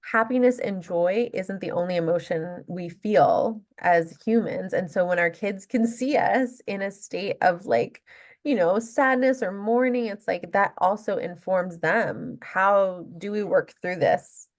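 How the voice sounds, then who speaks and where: A woman's voice: medium pitch, unhurried. A woman in her thirties, a guest in a casual interview, talking openly and reflectively with lots of fillers.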